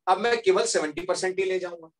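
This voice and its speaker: A man's voice: high-pitched, fast talker, close to an everyday voice. A male teacher voicing blood plasma as a helpful character who bargains in a classroom story. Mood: reassuring. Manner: reassuring, then firm and haggling.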